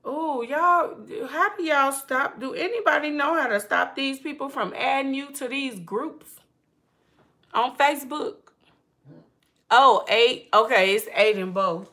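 A woman's voice: sits high, sharp tone. A woman hosting a casual live stream from home, chatting to viewers and to her houseplants. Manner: slow, chatty, talks to her plants and to viewers reading comments.

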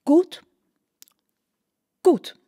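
A woman's voice: very slow, warm tone. A woman playing a shocked, stern noble mother. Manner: exclaiming, indignant. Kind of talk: literary reading.

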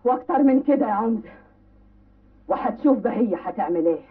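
A woman's voice: fairly high pitch, expressive, brisk, breathy edge. An actress playing a grieving, defiant village woman with an Egyptian accent, in an old film. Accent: Egyptian Arabic. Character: grieving, defiant village woman whose husband was taken. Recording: tinny, distant old film soundtrack.

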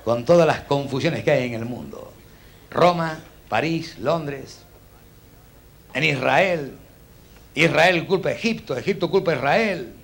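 A man performing a stand-up comedy monologue in a dry, understated deadpan manner. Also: a little high, measured pace, creaky, long pauses, a faint crowd. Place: stage before a live audience. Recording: live show with audience and faint noise.

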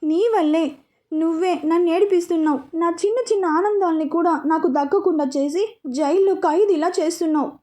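A sulky, defiant young woman student who fights back through tears, played by a woman storyteller. High, mellow and pouting in an audio storybook. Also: brisk. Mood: tearful defiance.

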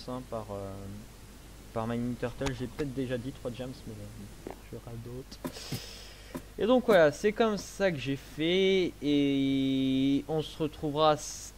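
A young man in a casual let's play, explaining his game setup slowly with many hesitations, speaking into a headset. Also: fairly high pitch, a little hiss or hum. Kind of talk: casual gameplay commentary.

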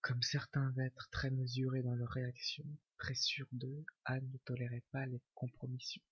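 A man giving a whispered ASMR reading of a novel, slow and hushed. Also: mid-range voice, completely flat delivery, slightly rough, dry recording. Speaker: ASMR reader. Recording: dull lo-fi recording.

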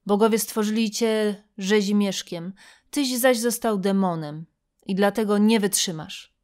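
A woman voicing a Roman nobleman who speaks coldly and with measured irony. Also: mid-range voice, darkish tone, close to an everyday voice. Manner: cold, measured. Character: cold, ironic Roman patrician man.

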